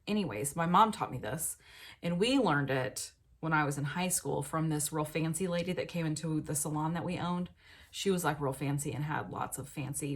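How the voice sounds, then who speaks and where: Husky, lowish woman, 30s, casual rambling vlogger. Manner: chatty, rambling, self-deprecating, fillers like "like". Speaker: lifestyle vlogger. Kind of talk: casual chatty tips vlog.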